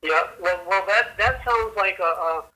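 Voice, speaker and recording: An older man speaks over a telephone line in a very bright, sharp, fairly high voice. His casual talk is halting, with repeated words. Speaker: father calling his family. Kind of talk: casual phone conversation.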